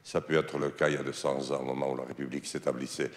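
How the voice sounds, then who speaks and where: A man's voice: extremely low pitch, level tone, quick pace. A man giving a solemn speech in parliament, addressing the chair. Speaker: deputy speaking in parliament. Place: parliament chamber. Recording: echoey chamber with long reverb.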